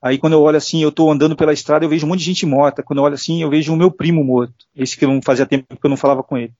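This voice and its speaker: A man's voice: on the high side, steady tone, very fast, darkish tone, dry recording. A middle-aged Brazilian man telling earnest personal stories as an interview guest, acting out the voices he quotes. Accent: Brazilian Portuguese. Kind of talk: casual interview testimony. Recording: dull lo-fi dry sound.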